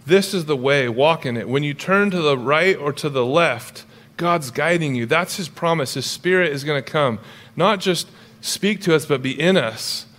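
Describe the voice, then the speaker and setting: A middle-aged male pastor preaching a sermon in a lively, conversational way with humorous asides. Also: on the high side, normal speed.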